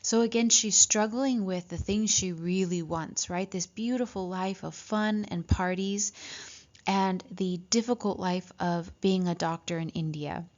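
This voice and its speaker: A woman teaching a literature lesson, reading passages from a story and explaining them, often checking in with "right?" and pausing on "um". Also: medium pitch, a little mellow. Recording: dull lo-fi recording.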